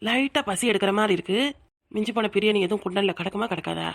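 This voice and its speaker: A drowsy, hungry cartoon sleeper mumbling low and slow, as a woman puts the voice on. The voice drops well below her usual tone and sounds set back from the mic. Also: vocal fry.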